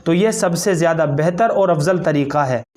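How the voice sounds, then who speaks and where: Cleric guy, high-ish voice, slow formal religious lesson, measured delivery. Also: darkish tone. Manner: measured, formal, opens with Arabic recitation. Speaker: Islamic cleric explaining name meanings.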